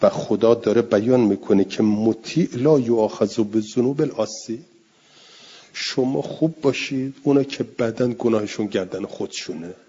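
Low, husky man teaching grammar. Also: warm tone. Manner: reads Arabic phrases then explains them, drawing out repeated words slowly. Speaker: teacher of Arabic grammar and Quran exegesis. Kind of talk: classroom lecture reading and explaining an Arabic text. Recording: dull lo-fi classroom recording.

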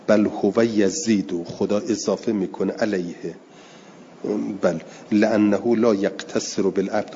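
A man with a low, mellow voice teaches a class on a religious text, reading each passage slowly and then explaining it in plain terms. He pauses to answer students' questions. The recording is dull and lo-fi, with a long hall reverb behind him. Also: a little hiss or hum.

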